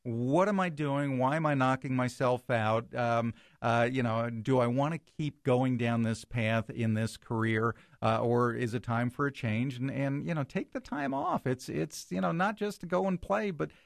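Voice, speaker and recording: A man's voice: medium pitch, moderate pace, vocal fry, few pauses, no room sound, clean studio sound. An older man co-hosting a radio talk show, rambling and repeating words as he starts. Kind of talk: casual radio chat.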